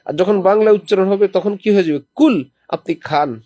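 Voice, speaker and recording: On a studio-quality recording with no room sound, a man with a high-pitched, dark-toned voice preaches a little fast to a small group. The setting is lodgings during a visit to a holy city, where he teaches by reciting Quranic examples and putting questions to his listeners.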